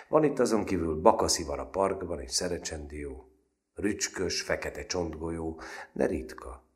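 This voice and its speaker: Male audiobook narrator, very low bass voice, measured literary reading, phrase endings trailing off breathy and hushed.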